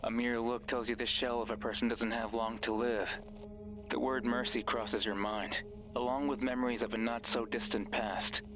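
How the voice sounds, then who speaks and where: In dramatic horror game voice acting, an actor voices a manipulative, obsessive, sinister man pleading from a radio, with intimate, insistent, theatrical intensity and an ominous narrative mood. His mid-range voice is close to an everyday one, with a level tone and moderate pace. The recording is low quality.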